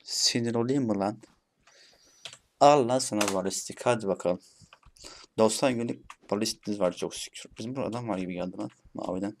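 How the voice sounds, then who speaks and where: A man's voice: fairly low pitch, a little fast, a little hiss or hum. A young man giving casual gameplay commentary, chatty and cursing playfully at the bots. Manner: chatty, swears playfully at bots, shouts when frustrated. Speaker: gaming YouTuber.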